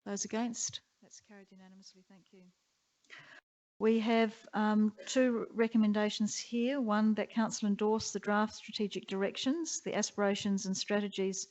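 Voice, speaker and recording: A woman chairing a council meeting, running through motions and votes in a brisk, procedural way. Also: medium pitch, level tone, darkish tone. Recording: dull muffled council chamber audio.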